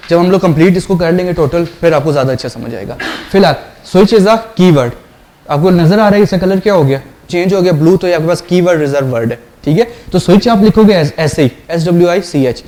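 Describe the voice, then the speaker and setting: A male lecturer with a high, slightly mellow voice teaches a programming class. He explains step by step and often asks the class questions to check they're following.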